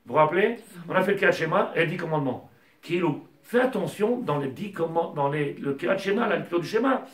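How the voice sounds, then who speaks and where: A man leads a Torah lesson in an impassioned way, often pushing his high voice toward a shout. He sits some distance from the mic. The room rings with echo. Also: animated, quick pace. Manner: impassioned, rises to near-shouting, mixes Hebrew terms. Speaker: rabbi teacher.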